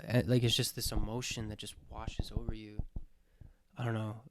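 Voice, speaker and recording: A man's voice: on the low side, little pitch movement, normal speed, no echo. Earnest rambling young man, dry close sound. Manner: rambling, hesitant, many fillers and restarts; sincere, earnest, swears casually. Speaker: vlogger answering his own question list. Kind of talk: casual reflective monologue.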